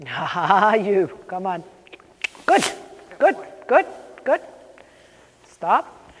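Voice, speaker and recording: A woman coaching riding live, calling out brisk, projected commands in short repeated phrases, with brief praise between them. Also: medium pitch, big pitch swings, husky. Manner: directive, interspersed with brief praise. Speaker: riding clinician coaching horse and rider. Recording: echoey riding hall with background noise.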